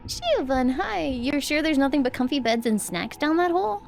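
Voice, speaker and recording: Scared girl streamer playing a horror game, woman w a high voice, jumpy, chats to viewers, faint music behind. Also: lively intonation, normal speed, creaky, a little mellow. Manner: jumpy, easily scared, gasping and exclaiming. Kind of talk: horror game livestream chat, reacting while playing.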